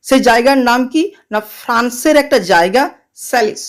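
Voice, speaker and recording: A woman's voice: on the high side, brisk. A woman teaching a poetry lesson for exams, mixing in English terms and repeating the key points. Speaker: literature teacher. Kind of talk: exam-focused lecture.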